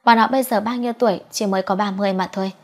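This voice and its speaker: A woman reading a romance novel aloud as an audiobook narrator, in a steady, even storytelling delivery. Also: mid-range voice, very fast. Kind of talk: scripted narration.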